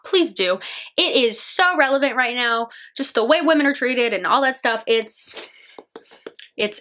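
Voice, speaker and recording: A woman's voice: fairly high pitch, sharp tone. A young woman chatting casually about her favorite books, gushing and peppering her talk with "like". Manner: gushing and chatty, heavy use of "like". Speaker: book vlogger. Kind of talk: casual book review vlog.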